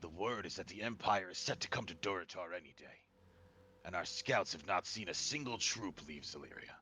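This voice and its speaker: A man's voice: lowish voice, bright, forceful tone, slight background noise. Man playing a proud, grandiose male conspirator. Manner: grandiose, declaiming rhetorical challenges. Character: deep-voiced defiant conspirator, challenging and proud.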